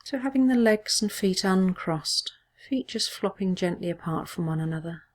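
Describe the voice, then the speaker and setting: A female mindfulness teacher guides a body scan meditation in a medium-pitched, expressive voice. She speaks gently, measured and soothing, with pauses.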